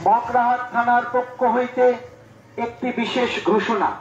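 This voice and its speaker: Man through a megaphone, very high flat voice, formal measured proclamation, echoey loudspeaker. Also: lo-fi sound. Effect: through a megaphone on a moving vehicle. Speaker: police announcer. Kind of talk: formal public announcement. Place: outdoors on a street. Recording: echoey loudspeaker with faint traffic.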